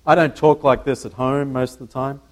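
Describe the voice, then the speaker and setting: A man preaching a conversational sermon to a congregation, working through slides, often halting and repeating words and putting questions to his listeners. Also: medium pitch, flat delivery. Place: church.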